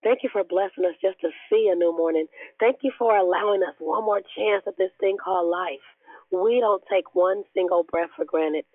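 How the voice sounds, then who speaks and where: Hoarse, raspy woman on a phone line. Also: medium pitch, moderate pace, no room sound. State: hoarse, unwell. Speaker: prayer call speaker. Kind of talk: devotional talk and prayer on a group call. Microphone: phone call. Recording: tinny narrow phone line.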